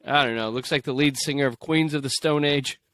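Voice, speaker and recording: A man's voice: medium pitch, a little fast, fairly bright tone, no echo, studio quality. A man co-hosting a podcast in casual, jokey chat, reading stories aloud and slipping into playful voices. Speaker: podcast co-host.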